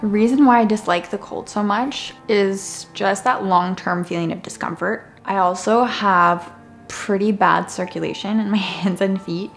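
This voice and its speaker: A woman's voice: medium pitch, moderate pace, soft background music. A woman talking casually and candidly about herself in an informal way. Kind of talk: casual talk to camera.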